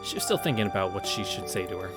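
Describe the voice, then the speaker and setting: Reading a visual novel at a quick pace, a let's play host speaks in a lowish voice that swings widely in pitch. He narrates casually with wry, cursing asides while game music plays.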